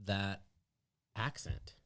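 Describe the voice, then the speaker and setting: A man's voice: extremely slow, pushed and bright. A man co-hosting a casual podcast chat, telling stories animatedly and swearing casually. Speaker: podcast co-host.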